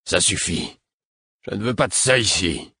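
Man doing a grumpy old guard, curt and bossy, husky low voice. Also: measured pace, pushed and bright, dry recording, clean studio sound, full character voice. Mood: stern. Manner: curt, commanding. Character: gruff old male guard, commanding and weary.

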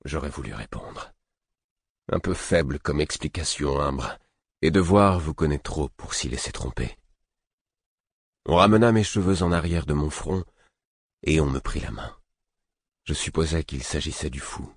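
A man reading a novel aloud in the first person, measured and expressive. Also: a bass voice, breathy edge, dry recording, clean studio sound. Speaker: audiobook narrator.

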